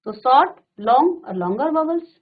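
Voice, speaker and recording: A woman's voice: high-pitched, lively intonation, fairly quick, phone-quality sound. A woman teacher giving a classroom lecture, explaining patiently and repeating her points with simple examples. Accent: Hindi speaker from North India. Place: virtual classroom studio.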